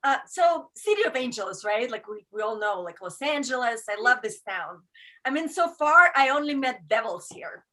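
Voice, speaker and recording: A woman doing stand-up, speaking English as a non-native, with a deadpan delivery full of fillers and restarts. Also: fairly high pitch, moderate pace, low-quality recording. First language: not English. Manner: deadpan, self-interrupting with fillers. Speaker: stand-up comedian. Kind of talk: stand-up set.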